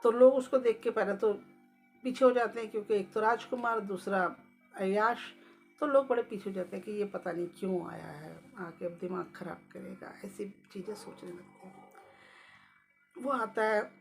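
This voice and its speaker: A woman's voice: medium pitch, moderate pace, gravelly, faint music behind. A woman telling a moral story in a casual, conversational way, with loose phrasing and occasional English words.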